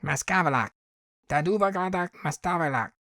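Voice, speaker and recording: A man voicing an angry male alien with a stiff, clear, high-pitched way of speaking, in a dry audiobook reading. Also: animated, fairly quick, pushed and bright, dry recording. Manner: scolding, commanding. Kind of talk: audiobook character voice.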